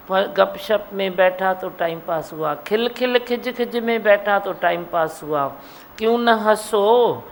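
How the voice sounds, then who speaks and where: A woman's voice: mid-range voice, vocal fry, a little hiss or hum, rough recording. A woman, a spiritual teacher giving an exhorting devotional discourse at a live gathering. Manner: exhorting, repetitive, quotes devotional verses. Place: satsang hall.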